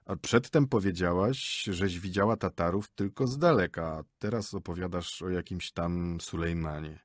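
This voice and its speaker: A man's voice: deep voice, moderate pace, no room sound, studio quality. A man voicing a sullen, suspicious husband who grumbles and mumbles, in an audiobook. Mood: grumbling. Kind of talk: audiobook character reading.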